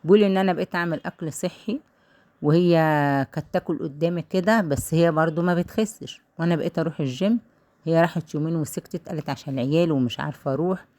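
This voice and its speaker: Woman, Egyptian accent, deep voice, rapid talker, casual storytelling, chatty advice-giver. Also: darkish tone. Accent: Egyptian Arabic. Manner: chatty, retells someone's story then gives advice.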